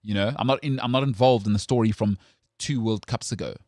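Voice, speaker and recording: A man's voice: lowish voice, a little fast, a little mellow, no room sound, clean studio sound. A South African man hosting a sports talk show, speaking in an opinionated, emphatic way with frequent restarts. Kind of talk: casual sports chat.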